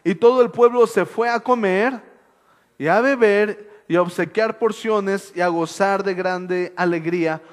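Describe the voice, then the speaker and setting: A man preaching a sermon in a church, swinging from soft, quiet asides to excited shouts. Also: sits high. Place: church hall. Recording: echoey church hall with long reverb.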